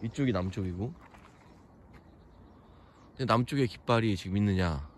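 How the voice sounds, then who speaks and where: Deep-voiced man rambling outdoors. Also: moderate pace, slight background noise. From Chungcheong region, South Korea. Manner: rambling, opinionated, many fillers. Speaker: vlogger touring a historic fortress. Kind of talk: casual walking commentary. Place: outdoors at a hilltop fortress.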